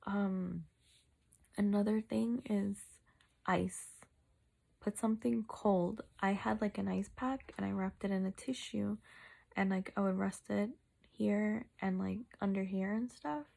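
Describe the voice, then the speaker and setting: A woman vlogging casually after having her wisdom teeth out, tired and sore in the mouth. Her voice is full of heavy fry and stays in a narrow, flat range. She talks haltingly, drawing out words for emphasis. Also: medium pitch. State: sore mouth, recovering two days after wisdom tooth surgery. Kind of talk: casual personal vlog update, chatty.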